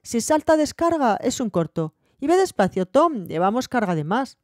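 A young man fretting over an old car, voiced by a woman reading aloud. He is worried and insistent, in a raised voice with a mellow, dry sound. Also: very high-pitched, big pitch swings, normal speed, dry recording, pitched above the performer's own voice.

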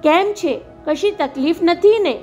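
A woman narrator reading the lines of a busy, distracted husband with a brisk manner. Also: extremely high pitch, a little mellow, soft background music, pitched above the performer's own voice. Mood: detached. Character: neglectful busy husband, a critic.

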